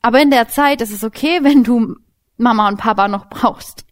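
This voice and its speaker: A young woman Bible teacher delivers an informal sermon, lively and casual, speaking straight to her listeners. Her voice is a little high and her pace moderate.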